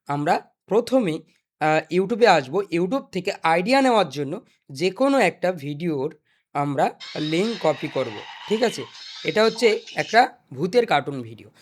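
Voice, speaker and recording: A young adult man presents a tutorial, guiding listeners step by step. His voice sits high for a man and rises and falls animatedly, picked up by a desk microphone in a small indoor desk studio.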